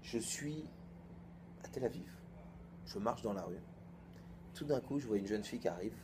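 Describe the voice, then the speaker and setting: A man in his thirties, a rabbi giving an informal storytelling sermon in a colloquial, lively way, acting out both sides of the conversations he recounts. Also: fairly low pitch, normal speed, background noise.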